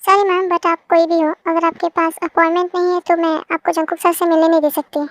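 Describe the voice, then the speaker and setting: A polite, firm receptionist from a homemade fan dub, voiced by a woman. She holds her ground courteously in a very high voice. It sounds like an amateur reading. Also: flat delivery, a little fast, no echo. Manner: polite, pleading.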